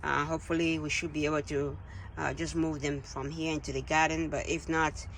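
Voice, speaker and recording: A man hosting a casual gardening update in a greenhouse, speaking in a halting, hesitant way. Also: fairly high pitch, flat delivery, fairly bright tone, slight background noise. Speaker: gardening channel host.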